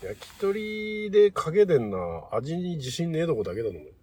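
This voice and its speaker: A man's voice: a little high, very animated, fairly quick, a little mellow. A man chatting casually in a Tohoku Japanese dialect, bantering and opinionated as he leads the discussion. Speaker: host of a casual discussion show. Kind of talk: casual chat.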